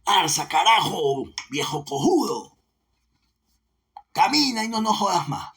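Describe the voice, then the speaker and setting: A man's voice: high voice, sing-song, slow, vocal fry, fairly bright tone, voice pushed up, heavily acted. A man doing a cursing, barking sergeant. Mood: angry barking. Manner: barking, contemptuous. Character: brutal, cursing rural police sergeant.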